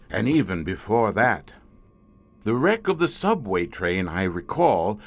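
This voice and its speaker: In an old-time radio horror drama, a male actor with a mid-range voice plays a middle-aged police inspector, a former professor haunted by a secret horror. His performance is brooding and theatrical.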